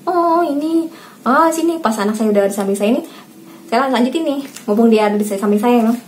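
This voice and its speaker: A woman's voice: mid-range voice, quick pace, warm tone, a little hiss or hum. A woman in her thirties, a parenting vlogger from Indonesia, chatting casually to camera, often addressing viewers as Mams and acting out how she talks to her child.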